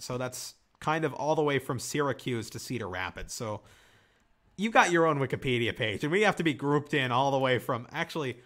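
Animated man in casual chat. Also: mid-range voice. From Michigan. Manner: animated, reads aloud and jokes. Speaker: podcast co-host.

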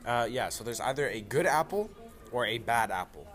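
A man's voice: medium pitch, lively intonation, moderate pace, fairly bright tone, faint music behind. A man chatting casually about food, rambling and playful, repeating words, sounding a bit stuffy.

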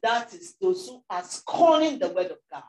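A woman pastor preaching a sermon with emphatic swings between loud declarations and softer asides. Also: medium pitch, expressive, moderate pace, reverberant, poor audio.

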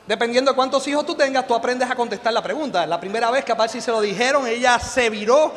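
A middle-aged man with a Puerto Rican accent gives an animated, joking motivational business talk and keeps firing questions at the audience. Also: very high voice, fast. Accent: Puerto Rican Spanish. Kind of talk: live motivational seminar talk. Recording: long hall reverb.

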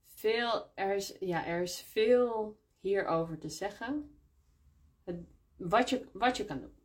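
A woman teaching Dutch in a live-streamed question-and-answer lesson, explaining slowly and repeating words in Dutch and English. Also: medium pitch. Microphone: phone.

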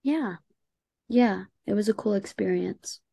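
A woman's voice: medium pitch, measured pace, vocal fry, warm tone, husky. A woman with an American accent talking casually and earnestly as an interview guest, reflective, often dropping in "like" and "you know". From United States. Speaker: interview guest, singer-songwriter.

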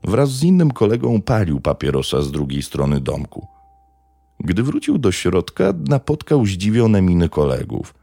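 A man narrating a true crime story in a measured, dramatic way. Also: deep voice, sing-song, vocal fry, dark tone, no echo.

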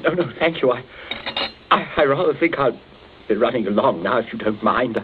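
A man plays a frightened captain who falters and pleads. His mid-pitched voice swings widely as he stammers. It has the tinny, slightly noisy sound of an old radio play. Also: expressive, unhurried, lightly acted. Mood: shaken, faltering. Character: terrified, shaken sea captain held captive. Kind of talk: old-time radio drama acting. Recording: tinny band-limited old radio, faint noise.

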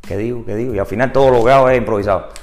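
A man's voice: rapid-fire, soft background music. A man giving a real estate business class to agents, mixing in English words and asking the audience rhetorical questions. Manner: animated, rises high and loud for emphasis, then drops low and quiet; mixes English words into Spanish. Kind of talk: live seminar talk to agents.

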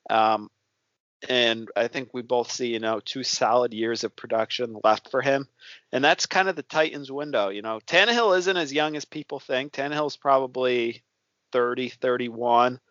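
Casting: male sports co-host, mid-pitched, easygoing and self-mocking, talking over a dull, dry lo-fi line. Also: normal speed, fairly bright tone, no room sound. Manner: loose and self-deprecating, many ums. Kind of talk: casual sports chat.

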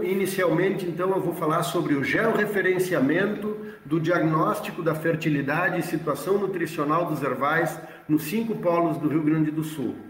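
A Brazilian man giving an explanatory presentation, haltingly, repeating words as he searches for phrasing. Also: fairly high pitch. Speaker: agricultural extension worker, interviewee. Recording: roomy, echoey, distant from the mic.

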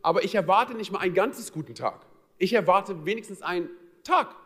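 A man's voice: high voice, expressive, moderate pace, fairly bright tone, slightly rough. A man preaching a sermon to his church congregation, talking straight to the listeners in a conversational, humorous storytelling way with plenty of fillers. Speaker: pastor. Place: church service. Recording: long reverb of a large hall.

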